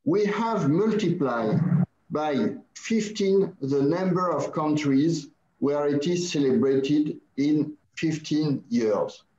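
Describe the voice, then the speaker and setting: A man with a French accent addresses a conference in a formal, measured way, his voice sitting a little high for a man. The sound is roomy and echoey, with a dull, muffled band. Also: expressive, dark tone. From France. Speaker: conference speaker.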